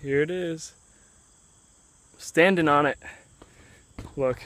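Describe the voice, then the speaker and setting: A young man filming a casual video diary outdoors at a rural building site, talking in a relaxed, chatty way with halting restarts. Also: fairly high pitch. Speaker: DIY vlogger.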